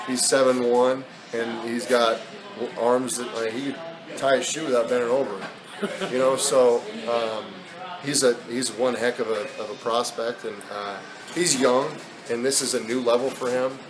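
A man in his thirties, a basketball head coach, speaks candidly at a postgame press interview, filling his answers with lots of fillers. His voice is medium in pitch and the recording quality is poor. He stands before an indoor press backdrop at an arena.

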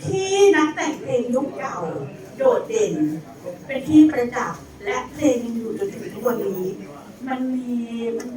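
High-voiced woman teaching singing in an echoey hall. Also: lively intonation, normal speed. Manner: chatty, asks the group questions, sings short examples. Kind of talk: lively singing lesson to a group. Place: community health center hall with older members. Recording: echoey room, far from the mic, chatter around.

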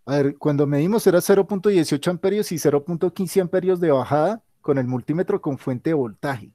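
A man's voice: fairly high pitch, fairly quick, dark tone, no room sound, clean studio sound. A tired male teacher giving an online class, thinking aloud and correcting himself as he works through the board. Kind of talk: online class with a shared whiteboard.

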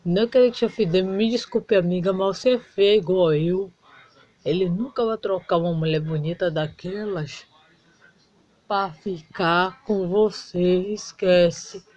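A woman's voice: on the low side, measured pace, darkish tone, dull audio. A woman playing every part in a home doll soap opera, switching between character voices. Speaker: doll play narrator voicing all characters.

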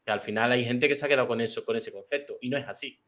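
A man hosting a live chat, agreeable and quick to chime in. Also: medium pitch, a bit bright. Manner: agreeable, interjects often. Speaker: host. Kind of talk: casual live chat moderation.

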